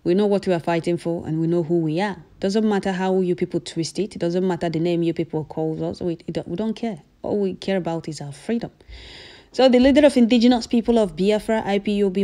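A woman's voice: lowish voice, warm tone. A Nigerian woman giving emphatic, repetitive news commentary as an activist over event footage.

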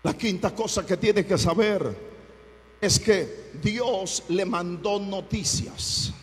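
A man preaching a sermon as pastor, fervent, often breaking into shouts and repeating his phrases. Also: high-pitched, takes it slowly, long reverb tail.

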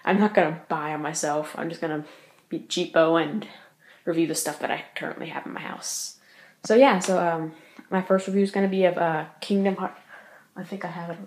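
A male vlogger giving a casual update from home, talking fast, stuttering and filling gaps with uh and like. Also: fairly high pitch, steady tone, echoey room. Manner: speaks fast, stutters, lots of uh and like. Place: room at home.

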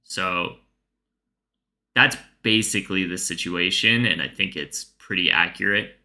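A man telling a comedic story in a casual, rambling way, full of fillers and swearing, delivered deadpan. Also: low voice, unhurried.

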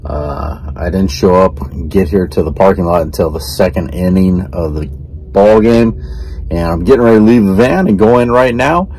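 In a casual vlog recorded in a camper van and parking lots, a middle-aged man from California, United States, explains things to camera in a plain, repetitive style with an American accent. His low, darkish voice moves at normal speed. The phone is held at arm's length, and the noisy handheld audio carries vehicle and outdoor ambience.

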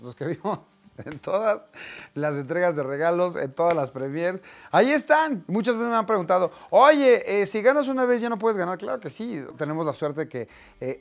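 A man in his thirties with a Mexican accent, casually telling anecdotes to camera in a slangy, lively way. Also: fairly high pitch. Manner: chatty, slangy, acts out quoted voices. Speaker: vlogger.

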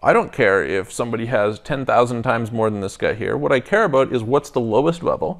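A man's voice: mid-range voice, expressive, fast talker, vocal fry. A man in his thirties, co-hosting a podcast in casual debate, reasoning thoughtfully in steps with frequent restarts, on a lapel mic in a studio lounge. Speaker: podcast co-host. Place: studio lounge set with armchairs.

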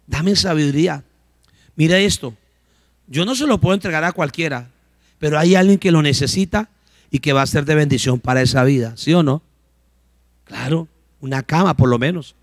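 A man preaching from the pulpit, in a voice that sits somewhat high for a man. He keeps asking the congregation questions and answering them himself, and he acts out short exchanges between characters. The sound is dry and close, with no room echo. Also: normal speed, long pauses. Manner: preaches with call-and-response questions, acting out little dialogues. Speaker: pastor. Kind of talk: sermon.

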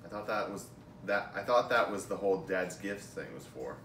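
A young man with a low, animated, slightly bright voice reads a script aloud at a moderate pace, covering both stage directions and a part as an amateur. He's in a room at home, and a camera a few feet away captures him through a distant, echoey room mic with clear noise.

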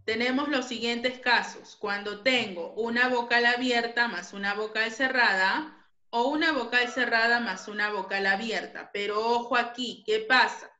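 A woman teacher with a bright, fairly high voice walks pupils through a grammar lesson. She speaks slowly and repeats key points with patience. The room around her echoes.

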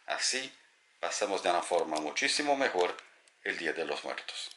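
Gentle, animated man telling a reflective story. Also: low voice, moderate pace, a little hiss or hum. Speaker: teacher. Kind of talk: reflective spoken talk to camera.

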